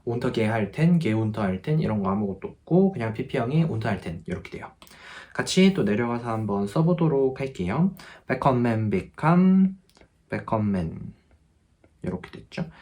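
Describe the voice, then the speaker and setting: A man's voice: medium pitch, sing-song, darkish tone. Patient male language teacher. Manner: explains patiently, drills verb forms by repeating them slowly. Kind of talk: online grammar lesson.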